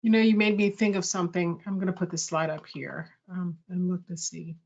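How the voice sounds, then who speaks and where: Speaking a little fast with a lowish, darkish voice and fairly even intonation, the workshop host reflects thoughtfully and corrects herself as she goes. She's middle-aged, the talk is a presentation dialogue, and the recording sounds slightly muffled.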